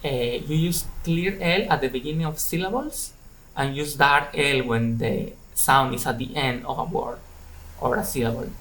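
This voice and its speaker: A man teaching pronunciation, speaking deliberately and repeating practice words for learners to copy. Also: mid-range voice, a bit bright, a little hiss or hum, poor audio. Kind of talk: English pronunciation lesson.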